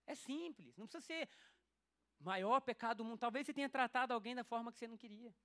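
A man's voice: very high-pitched, fast. A man with a Brazilian Portuguese accent preaching a sermon and sharing a personal testimony, emotional and speaking straight to the congregation. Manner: emotional, animated, addresses the congregation directly.

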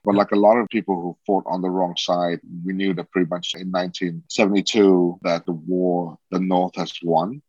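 A man's voice: low voice, flat delivery, normal speed, hardly any pauses, darkish tone, no room sound. A man, talking casually as an interview guest in a rambling way with many restarts. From Australia. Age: 40s. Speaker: guest, social entrepreneur. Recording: dull lo-fi sound.

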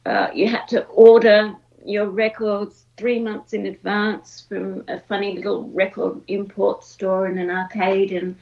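A woman's voice: medium pitch, little pitch movement, a little slow, creaky, hardly any pauses, darkish tone, lo-fi sound. An Australian woman, a podcast guest, reflecting casually on her past with frequent fillers. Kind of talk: casual interview.

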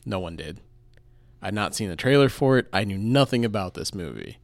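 Male podcast co-host, low voice, dry close sound, relaxed film chat. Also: brisk, creaky, no room sound. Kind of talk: casual film review chat.

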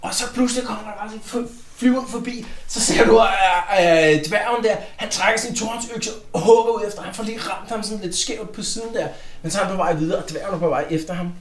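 Guy running a tabletop game, kinda high voice, lots of uhs, echoey room. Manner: hesitant, many fillers. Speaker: game master.

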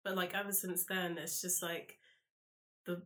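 A young woman with a South London accent, speaking casually as an interview guest in an informal, halting way, as if thinking aloud. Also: lowish voice, level tone, a bit bright. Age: young adult. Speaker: podcast guest, university student.

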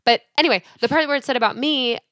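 A woman's voice: high voice, quick pace, fairly bright tone, dry recording, studio quality. A woman co-hosting a podcast, telling a story in casual chat with lots of fillers. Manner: chatty storytelling, many fillers. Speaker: podcast co-host.

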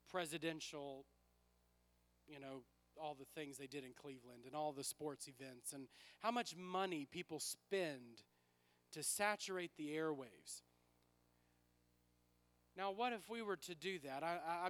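Raspy, higher-voiced man preaching. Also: a bit bright. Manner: emphatic repetition of phrases. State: voice worn from preaching and travel. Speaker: pastor preaching to a congregation. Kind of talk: sermon with personal stories.

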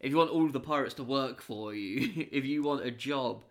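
Gravelly man, rambling chat. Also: medium pitch, normal speed. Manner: rambling, many fillers and restarts. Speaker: podcast co-host. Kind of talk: casual worldbuilding chat.

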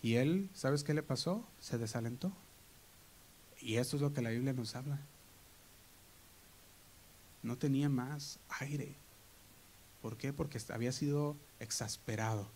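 A man's voice: medium pitch, a little slow, long pauses, a little mellow, a little hiss or hum. A Mexican man preaching a sermon in an earnest, storytelling way, often acting out the people he quotes. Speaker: pastor.

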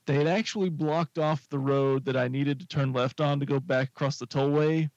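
A man's voice: mid-range voice, fairly even intonation, moderate pace, a little mellow, dry recording, highs cut off. A man casually telling a long, rambling anecdote on a talk show, full of fillers and asides. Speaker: podcast co-host telling a story. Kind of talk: casual storytelling chat.

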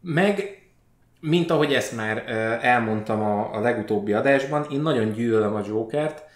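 A man co-hosting a podcast, chatting casually about films and often pausing on filler sounds. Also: medium pitch. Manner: hesitant, many filler sounds. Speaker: podcast co-host. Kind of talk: casual film chat. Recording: roomy echo.

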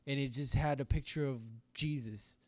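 A man's voice: mid-range voice, steady tone, moderate pace, no echo. A man co-hosting a casual podcast discussion, speaking conversationally and asking rhetorical questions. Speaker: podcast co-host.

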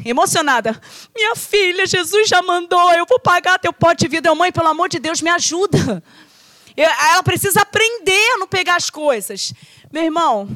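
A middle-aged woman from Brazil preaching a sermon, telling family stories in a lively way, acting out quoted voices and often calling out to her listeners as brothers. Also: sits high, dry recording. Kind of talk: sermon with personal storytelling.

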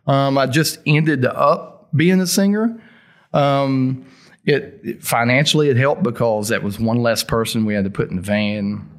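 A man's voice: medium pitch, unhurried. Man, middle-aged, thick Southern American accent, casual interview storytelling, informal folksy speech. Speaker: interview guest, heavy metal singer.

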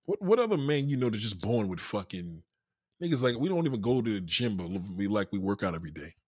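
A man's voice: on the low side, fast, breathy edge, dry recording, studio quality. A man rants bluntly and profanely to his live-stream viewers, reading out their comments. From New York. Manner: blunt, profane, animated street talk. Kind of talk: casual live-stream rant.

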